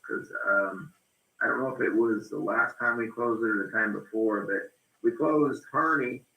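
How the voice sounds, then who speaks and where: A man's voice: medium pitch, bright, forceful tone. A man raising a practical concern in plain, informal meeting talk. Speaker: meeting participant. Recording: roomy, echoing meeting audio.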